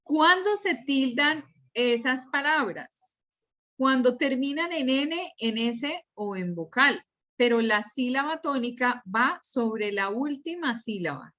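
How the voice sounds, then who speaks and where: A woman teacher lectures in an unhurried, careful way, going over her examples one by one. Her voice sits a little high. The sound is dull and lo-fi, like an online class. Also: expressive, bright, forceful tone. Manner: patient, repeats and spells out examples. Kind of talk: slow, explanatory class lecture.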